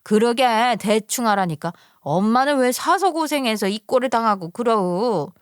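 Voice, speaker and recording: A woman's voice: fairly high pitch, expressive, moderate pace, smooth, no room sound, clean studio sound, lightly acted. A woman voicing a smug, dismissive adult sister-in-law who sides with her mother in a story radio drama.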